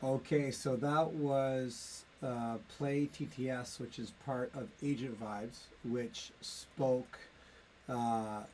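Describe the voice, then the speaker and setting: A middle-aged man casually walking through a demo of his own software tool, explaining step by step with a few fillers. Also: medium pitch, slight background noise. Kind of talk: casual tech demo walkthrough.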